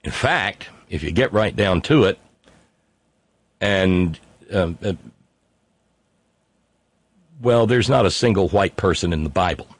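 With a deep, slightly rough voice, a man streams live and reads the chat, his unscripted talk rambling and wry, peppered with fillers and restarts. He's animated but slow, leaving long pauses. No echo is present.

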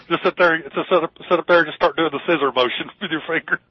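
A man's voice: a little high, steady tone, fairly quick, slightly rough, dry recording. A man calling in to a radio show over the phone, joking around with the host and laughing often. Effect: heard over the phone line. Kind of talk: joking casual chat. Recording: dull, dry phone line.

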